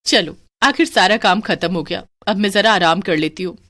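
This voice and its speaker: Woman doing a shrill greedy young wife. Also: normal speed, no room sound, clean studio sound, natural voice. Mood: cheerful. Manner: shrill, excitable.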